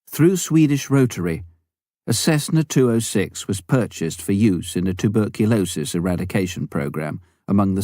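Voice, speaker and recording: Close to the mic in a dry recording with little room around it, a man narrates his memoir. He reads in a measured, clearly phrased, scripted audiobook style, with a very mellow and fairly low voice.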